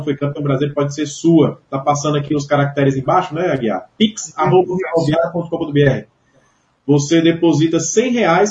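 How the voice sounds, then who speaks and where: A Brazilian man casually hosting a sports radio show, talking unscripted in a halting way with repeated words. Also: a little high, a little mellow. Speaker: host of a football club radio show. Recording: dull, echoey web radio sound.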